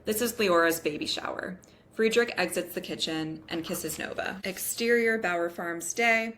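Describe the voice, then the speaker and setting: Serving as stage directions reader for a table read, a woman narrates the screenplay's scene headings and action. Her voice is slightly low and a bit bright, moving a little slowly, with slight background noise.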